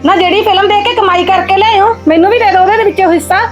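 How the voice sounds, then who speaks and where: A woman's voice: very high-pitched, fast talker, lo-fi sound, over loud music. A woman acting a young sister-in-law who scolds her in-laws sharply, in a village short film. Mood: scolding. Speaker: actor.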